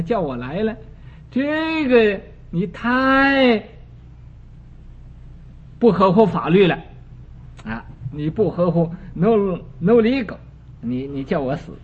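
A man's voice: fairly high pitch, animated, measured pace, mellow, husky, heavily acted. A man voicing an indignant, argumentative old male lawyer who protests and argues every point. The recording is dull and lo-fi with a faint hiss.

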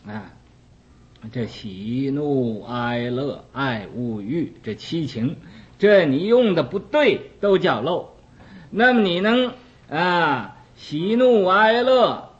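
A man giving a Buddhist dharma lecture, talking slowly and deliberately with many drawn-out "ah" fillers, explaining by acting out small everyday scenes, on a dull lo-fi recording. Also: a little high. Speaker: Buddhist teacher.

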